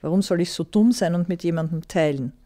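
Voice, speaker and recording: A woman's voice: lowish voice, brisk, mellow, dry recording, studio quality, natural voice. A woman voicing a grumpy, selfish young man. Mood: grumbling. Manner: grumbling, sulky.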